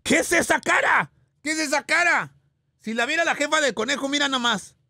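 In a very high-pitched, fairly quick voice, a man plays a radio show host character, a boastful self-proclaimed Spartan god. Teasing and theatrical, he mocks a video in his reaction commentary over a noisy background hiss.

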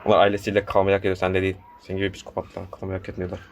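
A man's voice: low voice, monotone, very fast, a little hiss or hum. A young man casually commenting on a horror game as he plays, urging the characters on and scolding the enemy. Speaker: gameplay commentator. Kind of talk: casual let's-play commentary.

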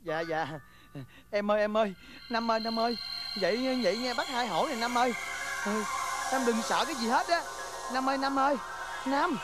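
A man's voice: extremely high pitch, brisk, over music. A young man playing a polite, eager suitor in a film, stammering deferential replies.

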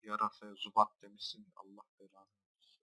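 A young man casually commenting on his own gameplay, swearing constantly and jumping between low mutters and loud shouts. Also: completely flat delivery, brisk, poor audio.

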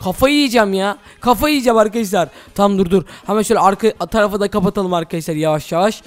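An excitable man narrating his own Minecraft role-play in a very high, fast voice and talking straight to his viewers. Faint game music plays behind him. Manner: excitable, addresses viewers as "friends". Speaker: gaming channel host.

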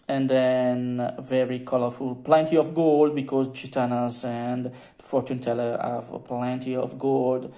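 Slow, gravelly man, halting and playful. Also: medium pitch, dark tone. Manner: hesitant, halting, many fillers, playful asides. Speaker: hobbyist showing painted figurines. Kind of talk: casual show-and-tell vlog.

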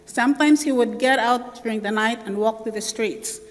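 A woman elder preaching a sermon, telling a childhood story with lively acted-out family voices. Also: on the high side, moderate pace. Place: church sanctuary. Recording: long church reverb.

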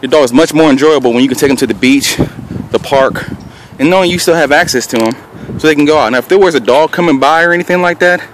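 Holding the camera himself, a man with a fairly high pitch and a quick pace records a dog training session in an open park. His narration is casual and instructional, broken up by short, firm commands. Outdoor ambient noise fills the rough handheld audio.

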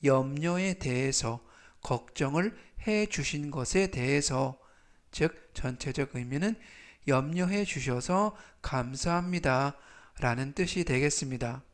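Slow, deliberate male vocabulary teacher. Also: on the high side. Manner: slow and deliberate, repeats each word three times. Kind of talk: scripted vocabulary lesson.

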